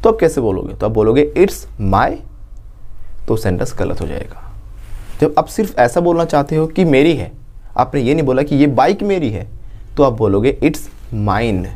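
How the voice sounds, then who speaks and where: A man's voice: medium pitch, very animated, normal speed, darkish tone. A man teaching a spoken English lesson, drilling phrases and asking students to repeat them.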